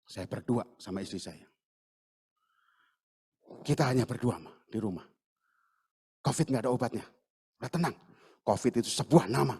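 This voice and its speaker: A man's voice: medium pitch, moderate pace, pauses often, breathy edge. A middle-aged man, a pastor, preaching at a church service and telling a personal story with acted-out dialogue. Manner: lively storyteller, acts out dialogue in raised voices. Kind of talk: sermon with storytelling.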